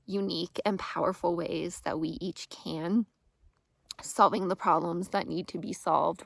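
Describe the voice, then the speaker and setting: A woman giving a calm, earnest grounding meditation talk as a guide, speaking deliberately with pauses and repeated phrases. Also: lowish voice, gravelly, no room sound. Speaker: meditation guide and practice host.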